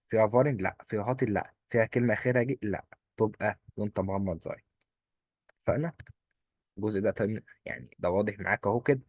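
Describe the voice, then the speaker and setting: A man with an Egyptian Arabic accent teaching a German exam-prep lesson, quizzing and answering his own questions in quick drills. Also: lowish voice, a little mellow, slightly rough, dry recording. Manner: coaxing, repeats rules in quick drills.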